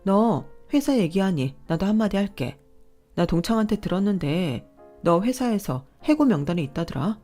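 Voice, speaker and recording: A woman voicing a furious young pregnant wife who scolds and shouts at her husband. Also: mid-range voice, lively intonation, normal speed, soft background music, natural voice. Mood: scolding.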